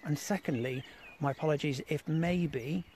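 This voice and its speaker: In a casual live-stream monologue at an abandoned rail site, an English exploring host rambles, restarting and leaning on the same fillers. His husky, darkish voice is on the high side at a moderate pace, captured in a rough recording.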